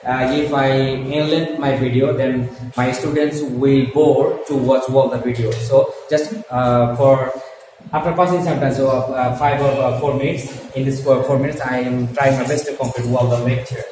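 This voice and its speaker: A man with a Bangladeshi accent teaching a classroom lesson, explaining slowly and repeating phrases as he asks questions and answers them. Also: medium pitch, steady tone, a little mellow, heavy reverb, in a large hall, distant mic, a little hiss or hum, rough recording. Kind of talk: classroom lesson mixing Bengali and English.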